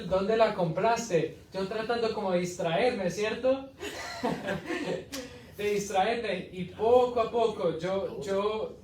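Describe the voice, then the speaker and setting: A man, an evangelist, giving an animated testimony sermon full of storytelling and laughs in a church hall. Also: sits high, slight background noise. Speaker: evangelist preacher. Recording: echoey hall from far off.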